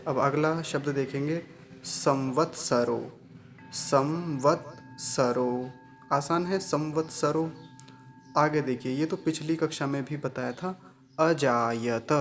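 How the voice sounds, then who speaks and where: A man teaching the correct pronunciation of mantras in a patient online lesson, breaking words into syllables and repeating them. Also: medium pitch. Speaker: Sanskrit recitation teacher.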